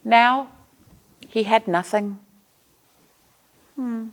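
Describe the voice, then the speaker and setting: This American children's librarian hosts a storytime, reading aloud with expression and simply explaining things through questions to the kids. Her voice is fairly high-pitched and very slow.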